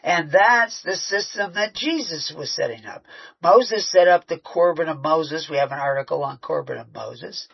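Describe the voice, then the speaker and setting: A man's voice: a little high, normal speed, creaky, breathy edge. A man preaching a sermon, mixing scripture with a conversational personal story and frequent restarts. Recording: muffled, lo-fi recording.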